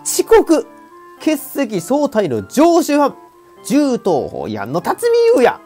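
A woman voicing a pompous, scheming male teacher in a game who makes slow, self-important declarations. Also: on the high side, huge pitch swings, warm tone, faint music behind, voice pushed up, exaggerated voice. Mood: sneering.

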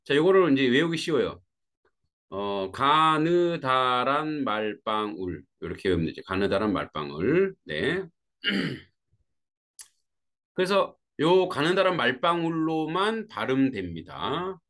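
Lively male grammar teacher. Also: medium pitch, unhurried. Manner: talks students through examples, asking "그죠?" after points; greets students by name as they join. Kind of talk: online grammar lesson. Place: warm room with a fan.

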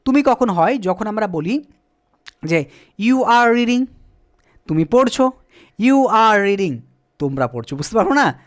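A male teacher whose first language is Bengali is running a beginner English lesson at a board. He talks patiently and keeps putting questions to the class, then answers them himself. Now and then he slows down to spell a word letter by letter. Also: high voice, big pitch swings.

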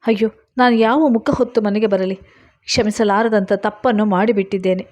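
A woman's voice: medium pitch, fairly even intonation, normal speed, a little mellow, close to an everyday voice. Woman narrator as an upset young wife, emotional and pleading, storybook reading. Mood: tearful, ashamed. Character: distraught young wife, ashamed and defiant.

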